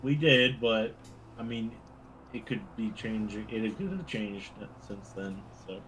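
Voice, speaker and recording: A man's voice: fairly low pitch, a little slow, background noise. Guy in a dnd game going back and forth, hedgy, casual. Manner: rambling, hedging. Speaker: player. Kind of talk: casual tabletop game talk.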